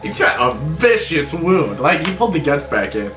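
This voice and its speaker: A man's voice: a little high, big pitch swings, moderate pace, fairly bright tone. A man playing a tabletop role-playing game, talking casually and telling bits of the story. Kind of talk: animated casual table talk. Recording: echoey room with music behind. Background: background music.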